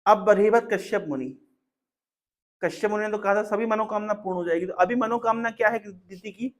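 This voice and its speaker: A man's voice: sits high, fairly quick. A man preaching a devotional storytelling sermon, emphatic and repetitive, with frequent rhetorical questions.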